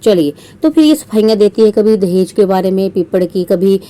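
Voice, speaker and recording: A woman's voice: medium pitch, expressive, normal speed, warm tone. A woman from India hosting her own podcast, giving sarcastic, scolding roast commentary with frequent fillers. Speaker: podcast host.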